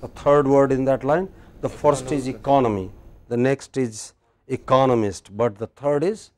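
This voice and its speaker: A man's voice: mid-range voice, moderate pace, darkish tone, no room sound. A man teaching English pronunciation in a lecture, patient, repeating phrases and checking that the class follows.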